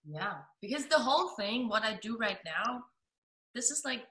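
A woman in her twenties with a German accent, a performance coach chatting as a podcast guest, hesitant and quick to laugh. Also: on the high side, expressive, bright, forceful tone, rough recording. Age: 20s. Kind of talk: casual podcast interview. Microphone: remote call from home.

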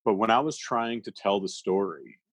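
A man from Canada, a comedian guest, telling a story in an animated, casual way. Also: on the low side, normal speed, husky, dry recording. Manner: animated, laughs through his own story.

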